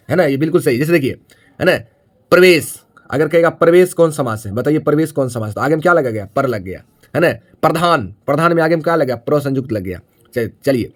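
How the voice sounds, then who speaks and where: A male Hindi grammar teacher giving a classroom-style video lesson. He keeps asking questions, answers them himself, and adds tag questions to check that students follow. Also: a little high. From Bihar, India.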